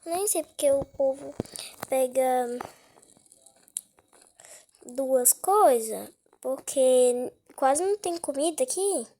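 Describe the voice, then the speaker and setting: Slow and expressive, with frequent pauses, a gaming host with a cold offers casual commentary in a high, warm voice. She chats freely, startles easily and keeps dropping into whispers.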